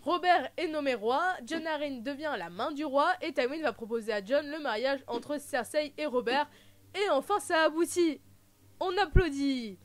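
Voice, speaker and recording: A woman hosting a casual recap vlog, with a bright, high voice. She talks in a chatty way and drops playful jokes in between the facts. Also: moderate pace, dry recording. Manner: chatty, with playful joking asides. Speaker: video host.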